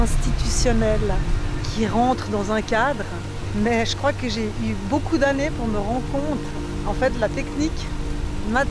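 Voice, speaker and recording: A woman in her forties, a theatre teacher, talking thoughtfully in an interview and often pausing to search for words. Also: a little high. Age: 40s. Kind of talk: reflective personal interview.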